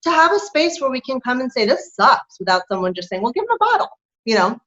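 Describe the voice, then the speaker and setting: A woman's voice: high-pitched, fast. Candid woman, dull lo-fi sound. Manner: candid, animated, laughs through her points. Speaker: lactation consultant, guest. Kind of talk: conversational interview.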